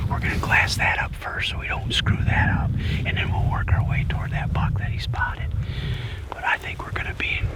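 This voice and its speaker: A man whispering field commentary outdoors as he stalks game, hushed and eager. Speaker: hunter narrating a hunt. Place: outdoors in open brush country.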